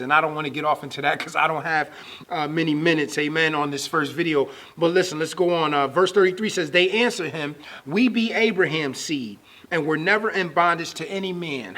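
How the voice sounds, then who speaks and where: A man's voice: a little high, bright, forceful tone. A man preaching a sermon, reading scripture aloud and rising in force as he reads it. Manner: rises and swells when reading scripture.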